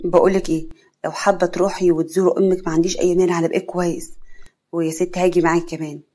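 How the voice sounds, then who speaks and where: A woman's voice: fairly low pitch, little pitch movement, rapid-fire, warm tone, close to an everyday voice. A woman storyteller voicing a stubborn, devoted young man with an Egyptian accent, talking earnestly and insistently. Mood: caring. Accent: Egyptian Arabic.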